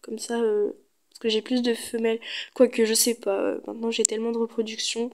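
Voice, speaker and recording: A woman's voice: a little high, level tone, a little fast, a little mellow. A woman giving casual, chatty gameplay commentary, thinking aloud as she goes. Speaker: gaming video creator.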